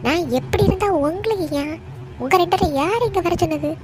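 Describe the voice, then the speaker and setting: A piercingly high, fiery village housewife, voiced by a woman in a cartoon, scolding in a Kanyakumari Tamil accent. She has a short fuse and makes harsh threats. A faint hiss sits under the recording. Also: darkish tone. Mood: angry. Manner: scolding, threatening, fast temper.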